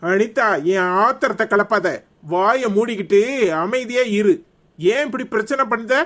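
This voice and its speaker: A man's voice: sits high, measured pace, bright, forceful tone. A man voicing a hot-tempered, insistent estranged husband in a cartoon comedy, speaking Tirunelveli Tamil in a pleading yet stern way.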